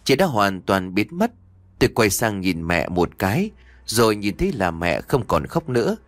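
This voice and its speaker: A man narrating an audio story in an expressive storytelling manner. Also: fairly low pitch, normal speed, no echo. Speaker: audiobook reader.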